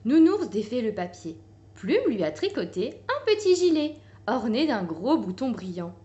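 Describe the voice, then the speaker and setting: A woman reading a children's picture book aloud in a gentle, expressive way. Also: on the high side, normal speed, muffled recording. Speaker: storyteller.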